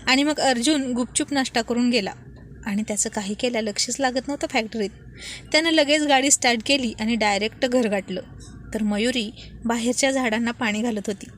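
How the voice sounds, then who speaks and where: A woman narrating a romantic story and voicing its dialogue with lively emphasis. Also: on the high side, brisk, a little hiss or hum. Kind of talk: scripted story narration with character voices.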